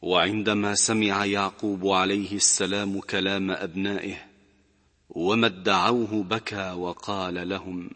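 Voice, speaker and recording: Man narrating a religious story, steady. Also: lowish voice, big-room sound. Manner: measured, steady storytelling delivery.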